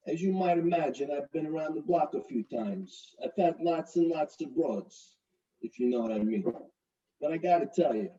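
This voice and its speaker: An actor playing a brash, crude, middle-aged mobster-type fiancé who swaggers and wisecracks in a comedy courtroom sketch. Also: male voice, on the high side, warm tone, far from the mic, highs cut off, lightly acted. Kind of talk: comedic courtroom parody acting.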